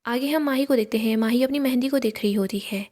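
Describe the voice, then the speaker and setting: A woman narrating a recap of a TV serial episode in a steady, even storytelling voice, reading the quoted dialogue without changing her voice. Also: fairly high pitch, fast talker.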